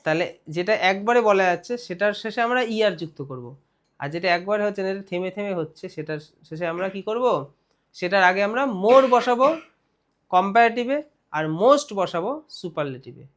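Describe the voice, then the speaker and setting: A man's voice: high voice, animated, brisk. A young man with a West Bengal Bengali accent, teaching a grammar lesson for an exam. He keeps asking questions and answering them himself, drawing out the key words.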